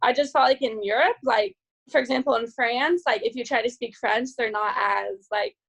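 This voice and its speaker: A woman's voice: fairly high pitch, normal speed, creaky, fairly bright tone, rough recording. A young woman from California, a podcast guest chatting casually, laughing often and filling her talk with "like". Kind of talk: casual chat.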